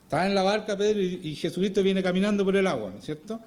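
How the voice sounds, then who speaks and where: Pastor preaching with rhetorical questions. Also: male voice, high-pitched, rapid-fire, a little mellow. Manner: asks the congregation frequent rhetorical questions. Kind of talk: sermon. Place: church service.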